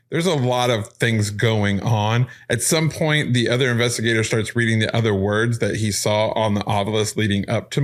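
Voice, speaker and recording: A man hosting a paranormal podcast, explaining recorded clips step by step in an excited, casual way. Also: mid-range voice. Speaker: podcast host.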